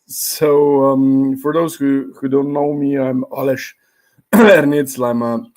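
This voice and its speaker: Slovene guy hosting a live stream interview, talks slow, lots of uhs and ums, non-native english. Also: mid-range voice, a little mellow. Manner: halting, with frequent pauses and fillers. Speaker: podcast host. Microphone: video call.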